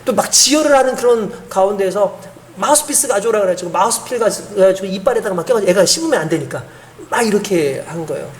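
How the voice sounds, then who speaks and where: A man preaching a sermon as pastor, telling a story and swinging between hushed and emphatic delivery. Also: sits high, expressive, fast talker, slight background noise.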